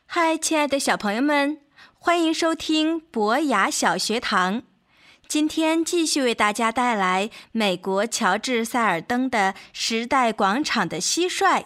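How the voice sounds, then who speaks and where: A woman reading a children's storybook aloud as the host of a children's program, gentle and measured. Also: fairly high pitch, animated. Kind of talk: scripted storybook narration. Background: faint music.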